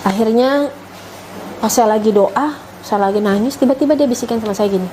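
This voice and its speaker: A woman's voice: a little high, fairly quick, dark tone, slight background noise, rough recording. A middle-aged woman, earnestly telling her personal story with emotion. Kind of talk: personal testimony.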